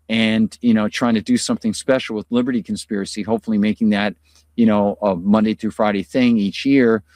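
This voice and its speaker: A man's voice: on the low side, a little mellow, no echo, clean studio sound. Tired, rambling middle-aged American man. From United States. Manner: rambling, conversational, many fillers. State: tired from illness. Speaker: host. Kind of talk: casual live-stream chat.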